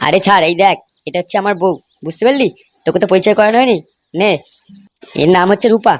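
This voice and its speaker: A woman voicing men in a crude comic cartoon, talking in rapid, coarse, scolding banter. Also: mid-range voice, no room sound, studio quality.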